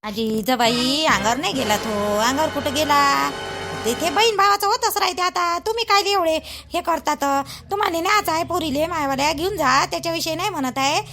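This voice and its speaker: Brief: woman as a fussing rustic mother-in-law, high scolding voice. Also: brisk, pushed and bright, soft background music. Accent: Vidarbha Marathi. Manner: scolding, pleading. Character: scolding village mother-in-law, middle-aged.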